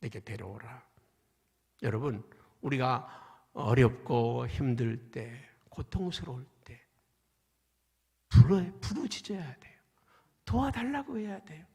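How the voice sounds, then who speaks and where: A man preaching a sermon, swinging from loud cries to hushed near-whispers. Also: mid-range voice, animated, a little slow, pauses often, husky, in a large hall. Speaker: pastor. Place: church sanctuary.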